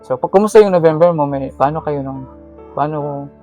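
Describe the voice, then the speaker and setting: A woman's voice: low voice, brisk, mellow, soft background music. A woman running a charity vlog, firmly coaching a shy student to speak up, in a motherly, lecturing way. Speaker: charity vlogger handing out school allowance. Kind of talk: coaching, animated casual talk.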